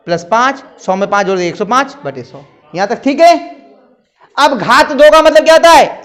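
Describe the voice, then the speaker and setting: A man's voice: very high voice, fairly bright tone. A man teaching a classroom maths lesson, patiently quizzing his students.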